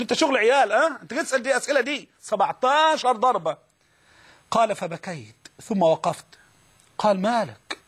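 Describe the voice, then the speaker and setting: A man's voice: sits high, fairly bright tone, husky. A man with an Egyptian accent giving an Islamic lesson to students, telling stories animatedly and acting out the quoted voices. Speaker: preacher.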